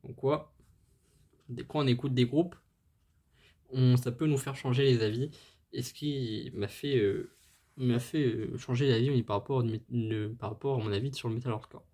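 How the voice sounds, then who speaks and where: His medium-pitched voice is dark and steady, at normal speed. Presenting a band's history on his music channel, he speaks casually and haltingly, with many fillers and restarts, says sorry when foreign names trip him up, and clearly loves the music.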